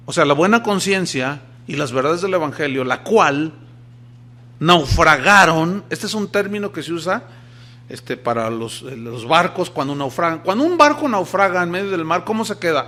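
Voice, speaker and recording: A man, a pastor, preaching a sermon, moving between loud emphatic lines and quiet asides while acting out quoted voices. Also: a little high, big pitch swings, normal speed.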